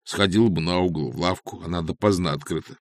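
A man's voice: low-pitched, brisk, dry recording, pitched below the performer's own voice. A male reader voicing a big, shy older man who grumbles and mumbles, in an audiobook. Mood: grumbling. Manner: grumbling, bashful.

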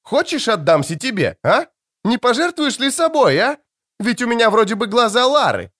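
A male audiobook reader voicing a defiant, hot-tempered young woman who answers with sharp, mocking retorts. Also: high voice, very animated, moderate pace, no echo, studio quality, pitched above the performer's own voice. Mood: furious mocking. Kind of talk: audiobook character reading.

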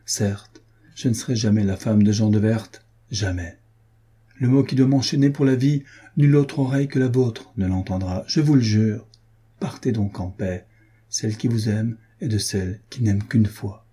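A man reading a devoted young noblewoman in an audiobook, soft and quietly resolute. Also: fairly low pitch, moderate pace, slightly rough. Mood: tender.

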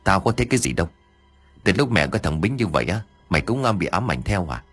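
A man voicing a scornful young man who snaps in a hushed, scolding way. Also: deep voice, very animated, quick pace, husky, faint music behind, full character voice.

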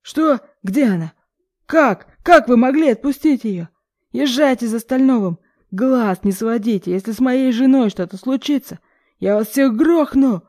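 A woman's voice: mid-range voice, normal speed, natural voice. Woman doing an enraged domineering father. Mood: frantic. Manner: shouting, threatening. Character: domineering angry middle-aged father, tycoon.

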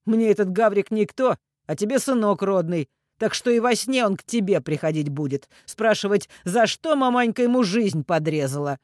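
A man's voice: a little high, expressive, normal speed, no echo, studio quality, natural voice. A man voicing a crude, mocking middle-aged ex-convict with a cold, sneering manner. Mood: sneering threat. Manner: sneering, coarse.

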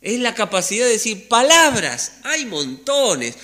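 A man's voice: a little high, big pitch swings, takes it slowly, sharp tone. A man with a Rioplatense Spanish accent preaching a conversational sermon in a church, checking in with listeners and sometimes dropping almost to a whisper. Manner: conversational preaching with frequent "¿eh?" checks, sudden drops to near-whisper. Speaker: pastor.

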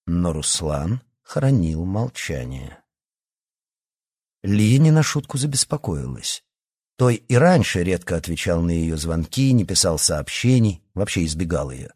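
Casting: male storyteller, husky lowish voice, animated read. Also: no room sound, clean studio sound. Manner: expressive storytelling. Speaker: narrator. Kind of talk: audiobook narration.

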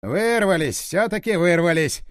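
A man voicing a loud, self-assured, boastful male character in an audiobook. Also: high voice, lively intonation, normal speed, dry recording, studio quality. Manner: shouting, boastful.

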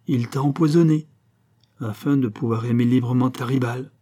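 A man's voice: fairly even intonation, moderate pace, natural voice. A man voicing a fiery, superstitious young woman. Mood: fierce. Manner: hushed, low, intense. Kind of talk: audiobook character reading.

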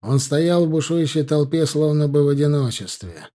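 A man narrating an audiobook in a dramatic, expressive manner. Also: a little high, normal speed. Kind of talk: scripted narration.

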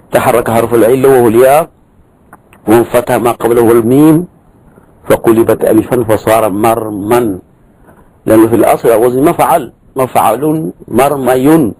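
Slow, deliberate male grammar teacher. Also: mid-range voice, darkish tone, rough recording. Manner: deliberate, repeats key words, prompts with short "ha" tags. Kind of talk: explanatory lecture on a verse text.

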